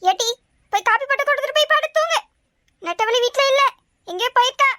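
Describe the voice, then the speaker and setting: A woman's voice: very high voice, animated, fast talker, sharp tone, no room sound, exaggerated voice. A woman voicing a bossy, scolding older mother-in-law in a cartoon. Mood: nagging. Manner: scolding, nagging. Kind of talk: cartoon voice acting.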